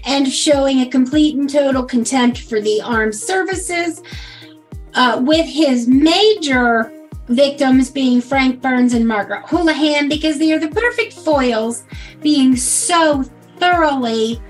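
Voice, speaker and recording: High-voiced woman in casual podcast chat. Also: takes it slowly, soft background music. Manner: chatty, reads from notes with many fillers. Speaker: podcast co-host.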